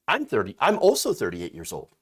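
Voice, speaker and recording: A man's voice: lowish voice, huge pitch swings, fairly quick, slightly rough. A man in his thirties giving emphatic political commentary, reading out a story and reacting to it, with frequent fillers and restarts. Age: 30s.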